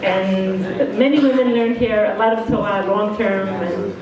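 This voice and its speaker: A middle-aged woman from Israel talks with an accent that blends Israeli and Brooklyn sounds, frank, casual and a little self-deprecating. She speaks in an ordinary middle pitch. Her voice carries from well away from the microphone in a strongly echoing hall, with a faint hiss underneath. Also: a little slow. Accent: part Israeli, part Brooklyn. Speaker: guest speaker. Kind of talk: informal talk to students. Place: indoor study hall. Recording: very echoey hall, far from the mic.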